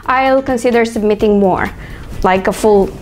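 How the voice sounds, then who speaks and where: A woman's voice: medium pitch, moderate pace, a little hiss or hum. A woman from Romania, talking through her thoughts in a casual, chatty vlog with frequent fillers. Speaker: author and vlogger.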